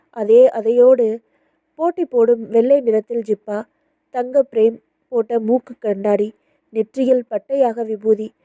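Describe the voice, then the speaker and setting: A woman narrating a story in a calm, even reading manner. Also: a little high, no room sound.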